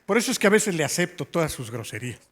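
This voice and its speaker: A male pastor preaching a sermon in a church hall, telling a story with passion and sometimes rising almost to a shout. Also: fairly high pitch, big pitch swings, very fast. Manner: impassioned, rising to near shouts in retold scenes. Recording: long reverb of a large hall.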